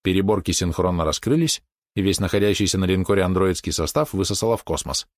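Guy reading a sci-fi audiobook, low voice, dry close sound, steady. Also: quick pace, dry recording. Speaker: narrator. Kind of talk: audiobook narration.

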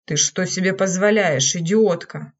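A woman reading an audiobook, voicing a harsh, domineering man who speaks curtly with a hoarse growl. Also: fairly low pitch, measured pace. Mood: threatening. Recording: dull lo-fi recording.

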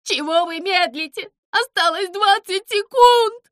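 A woman's voice: measured pace, dry recording, studio quality. A woman reading a storybook aloud, voicing a small, boastful male alien villain who shrieks and whimpers. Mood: panicked wailing. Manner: shrill, yelling, boastful then whimpering.

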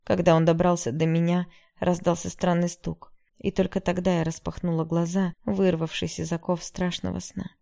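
Woman audiobook narrator, gravelly, mellow, first-person novel reading. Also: lowish voice, level tone, moderate pace, hardly any pauses.

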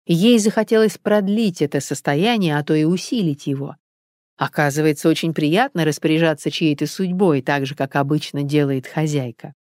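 A woman narrating an audiobook in an even storytelling manner. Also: low-pitched, moderate pace, no room sound, clean studio sound. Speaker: audiobook reader. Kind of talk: scripted narration.

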